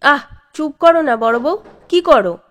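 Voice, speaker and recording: A woman voicing a mild-mannered father in his fifties who soothes his old father and tries to calm his wife. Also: very high voice, slow, heavily acted. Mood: placating. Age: 50s. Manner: mild, placating. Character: gentle fifty-year-old father, soothing and pleading.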